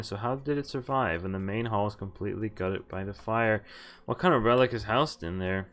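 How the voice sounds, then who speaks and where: On the low side vocally, a man streams a game with loose, sweary commentary, reading the dialogue out loud and thinking aloud as he plays.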